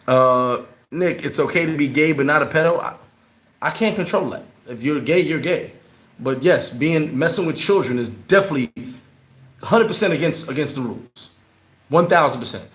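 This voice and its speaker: A man's voice: a little high, normal speed, a bit bright. A man hosting a casual livestream, answering his chat in a loose, rambling way and repeating words when he gets worked up. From New York. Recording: roomy echo.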